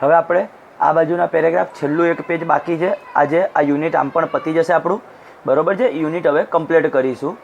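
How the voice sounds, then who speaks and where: A male teacher with a high-pitched voice talks through a lesson text. He translates each phrase as he goes and acts out short bits of dialogue. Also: fairly quick, vocal fry, highs cut off, slight background noise. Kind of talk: classroom lecture explaining an English text. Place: recorded for an online class.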